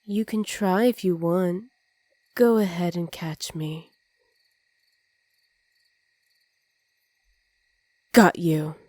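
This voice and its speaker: Voicing a dominant, superpowered villainess who is possessive and smug, a woman teases and gives orders calmly and confidently, frequently slipping into soft whispers for this ASMR roleplay. Her fairly low voice sounds soft, dark and relaxed, recorded close and very dry without echo. The overall feel is smug and taunting.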